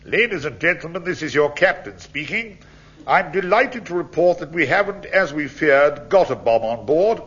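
A man voicing a breezy airline captain making a falsely reassuring announcement over the plane's tannoy, slow and cheery. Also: fairly high pitch, animated, a bit bright, husky, pitched above the performer's own voice. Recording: dull distant lo-fi sound.

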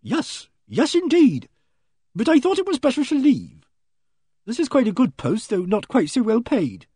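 A man voicing a simpering, gossipy middle-aged female office clerk, speaking slowly in a breathy, sibilant way. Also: very high-pitched, wildly swooping pitch, warm tone, no room sound, voice pushed up, heavily acted. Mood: prim, relishing.

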